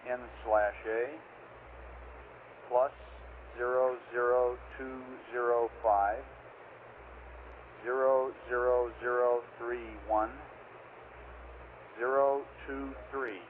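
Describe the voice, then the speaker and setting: A man's voice comes over a narrow, tinny radio line with faint static. He is a mission control communicator. He reads out long strings of figures at a slow, careful pace. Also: medium pitch. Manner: slow, deliberate reading of numbers. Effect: heard over a radio link. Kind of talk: radio air-to-ground exchange.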